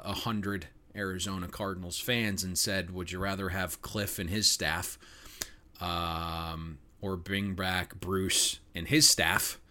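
A man co-hosts a sports betting podcast, sounding casual and opinionated as he rambles with frequent fillers. His voice sits low, with a bright, forceful tone.

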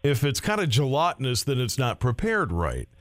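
A man's voice: mid-range voice, wildly swooping pitch, moderate pace, dry recording. A man hosting a casual radio interview, chatty and rambling, telling stories and laughing easily. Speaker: radio host.

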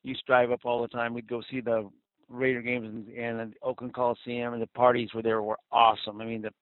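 A man's voice: mid-range voice, brisk, no echo. A man from Southern California, a caller to a fan radio show, talking bluntly and with animation over a phone line. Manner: blunt, animated, swings loud and soft. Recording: tinny dry phone line.

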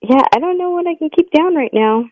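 A woman's voice: sits high, lively intonation, fairly quick, dry recording, lo-fi sound. A woman calling in to a radio show, hungover and nauseated, laughing and sarcastic as she talks. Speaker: radio caller. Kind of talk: casual phone call-in chat.

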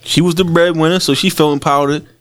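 A man's voice: on the high side, fairly even intonation, fast talker. A man co-hosting a casual podcast chat, talking in loose slang and laughing often.

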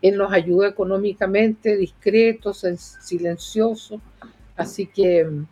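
An older woman from southern Chile with a Chilean accent, giving earnest, opinionated conversational commentary to listeners, halting and repeating words as she goes. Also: mid-range voice, steady tone, warm tone, husky. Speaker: doctor and radio commentator.

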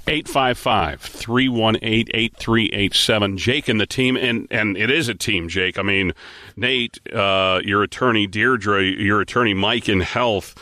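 A man's voice: fairly low pitch, slow pace, sharp tone, no room sound. A man hosting a radio talk show in an upbeat, casual way, plugging the team and sharing his own advice.

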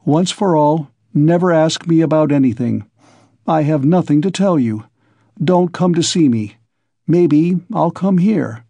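A man's voice: a little high, unhurried, creaky, dark tone, dry recording, dull audio. A man voicing a tormented young man, feverish and resolute, who talks in tense, clipped pleas.

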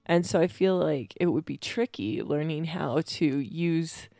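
Tired, giggly woman podcaster with gravelly voice. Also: low voice, measured pace, dark tone, dry recording. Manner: rambling, giggly, many "like" fillers. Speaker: podcast co-host. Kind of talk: casual chat. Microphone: close studio mic.

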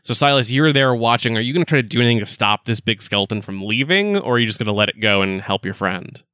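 A man's voice: medium pitch, animated, quick pace, bright, forceful tone, clear, resonant tone, no room sound, clean studio sound. A man narrating as game master of a tabletop game, rambling with fillers.

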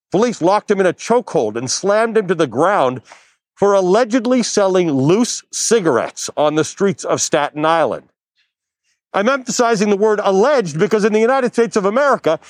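Male news host, emphatic, persuasive, slightly raised pitch, dry. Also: no echo. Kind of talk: news commentary and interview. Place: outdoors near a courthouse.

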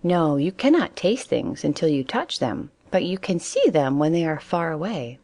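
A patient, tired mother rabbit who explains things gently, as a woman reads her aloud in a storybook. Her voice is low-pitched and calm. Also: normal speed, dry recording, full character voice.

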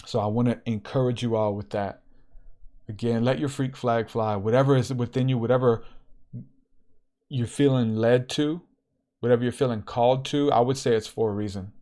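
A man's voice: medium pitch, steady tone, moderate pace, mellow. A man talks to his podcast listeners about faith and spiritual callings. He preaches in an easy, casual way, repeats his lines for emphasis and laughs now and then. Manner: preacherly, repetitive, laughs often. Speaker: podcast host. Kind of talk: spiritual encouragement talk.

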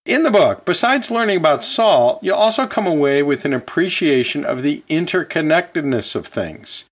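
His voice runs on the high side with a sing-song lilt and a moderate pace. He hosts an educational podcast and teaches anatomy and physiology, speaking in a relaxed, folksy manner with casual tangents, frequent chuckles, and self-correcting remarks.

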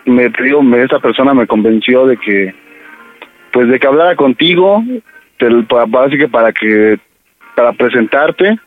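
A man's voice: mid-range voice, normal speed, phone-quality sound. Stammering man pleading on a prank call. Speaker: radio prank caller. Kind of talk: prank call, playing a nervous son. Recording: radio broadcast with music behind.

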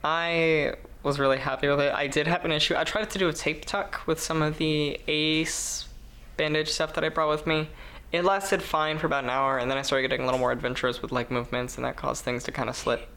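A woman's voice: deep voice, flat delivery, a little fast, fairly bright tone. A woman co-hosting a podcast in casual chat, laid-back, swearing casually and laughing, recorded in a small apartment. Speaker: podcast co-host.

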